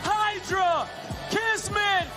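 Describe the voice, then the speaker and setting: A man working as one of two dueling hype announcers, shouting a team introduction and stretching out the names. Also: very high voice, steady tone, very slow. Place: live esports arena stage. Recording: loud music and crowd behind.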